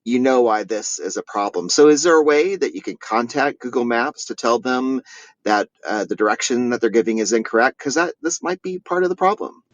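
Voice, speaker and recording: A man's voice: mid-range voice, animated, a little fast, no echo. A man leaving a voicemail question for a show over a landline phone, explaining his point step by step. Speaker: caller. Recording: dull lo-fi phone line.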